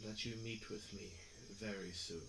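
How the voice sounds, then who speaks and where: A man running a tabletop game who puts on a deep, hushed voice to play an ancient male spirit that gives solemn, commanding orders. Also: steady tone, normal speed, vocal fry, heavy background noise. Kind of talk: game master voicing a character.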